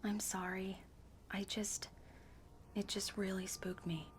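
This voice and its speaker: A woman's voice: medium pitch, level tone, slow, slight background noise, close to an everyday voice. An actress playing a playful, affectionate young wife who teases her husband. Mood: shaken. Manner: playful, teasing.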